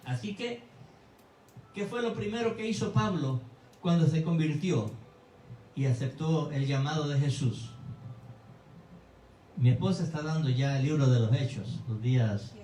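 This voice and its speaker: Male pastor, fervent sermon delivery, mellow tone, echoey church heard from a distance. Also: measured pace, long pauses, a little hiss or hum. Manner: emphatic preaching with sudden pitch swings. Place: church sanctuary.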